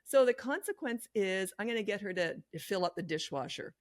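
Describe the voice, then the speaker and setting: A woman's voice: medium pitch, animated, fairly quick, dry recording, studio quality. A middle-aged woman parenting coach, blunt and emphatic, giving advice as a guest on a podcast.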